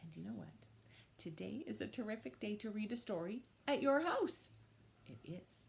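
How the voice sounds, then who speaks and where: Storytime is led by a children's librarian who reads aloud and teaches using simple, encouraging, repeated phrases for young listeners. She speaks at a moderate pace in a gravelly, medium-pitched voice with big pitch swings.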